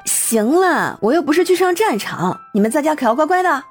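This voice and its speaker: A woman voicing a cheerful, caring young actress in an audiobook, talking in a lively, chatty way. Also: high-pitched, a little fast, faint music behind, pitched above the performer's own voice.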